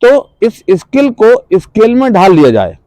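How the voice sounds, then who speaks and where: Male trainer lecturing a class; raised, dark-toned voice, quizzes listeners and repeats key terms. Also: sits high, huge pitch swings, measured pace, no echo. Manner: questions the class, then answers, repeats key words. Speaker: trainer at a rural self-employment institute.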